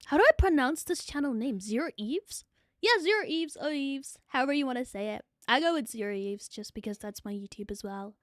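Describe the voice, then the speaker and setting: A woman's voice: sits high, expressive, a little fast, dry recording, studio quality. A young adult woman streaming as a VTuber, chatting playfully with her viewers and swearing casually. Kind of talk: casual livestream chat.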